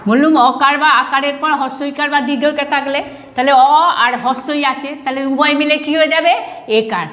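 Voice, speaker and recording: A primary school teacher with a Bangladeshi Bengali accent runs an online grammar lesson, asking questions she answers herself and restating each rule. Her voice sits high with fairly even intonation, a little fast and fairly bright. The recording is reverberant.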